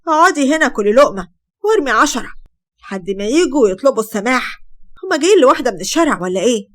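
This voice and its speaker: A woman's voice: high-pitched, sing-song, rapid-fire. A woman voicing a caring, protective middle-aged Egyptian mother with a comforting tone.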